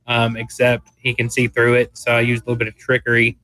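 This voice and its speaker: A man playing a tabletop game, describing things casually in a halting, explanatory way. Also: mid-range voice, completely flat delivery, bright, forceful tone, dry recording, poor audio.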